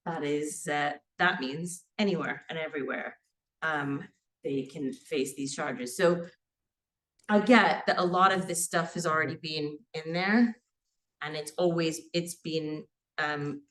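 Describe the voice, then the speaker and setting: A Sri Lankan-born criminal barrister in her forties gives an unscripted seminar talk in a seminar room, full of fillers and restarts. Her low voice is a bit bright and measured in pace, picked up by a distant mic.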